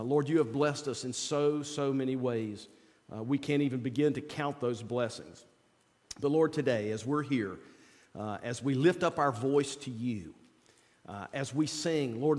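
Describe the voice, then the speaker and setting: A man leading a church service as pastor, speaking at a pulpit microphone, with halting speech full of repeats and fillers. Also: mid-range voice, a little mellow. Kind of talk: welcome and opening prayer. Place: church sanctuary. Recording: long church-hall reverb.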